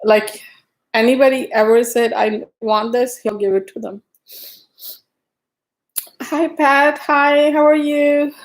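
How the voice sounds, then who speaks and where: Middle-aged woman, livestream host, unhurried and halting, greets viewers one by one, slightly high voice. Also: steady tone, rough recording. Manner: greets viewers by name, talks haltingly with restarts. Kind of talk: casual livestream chat.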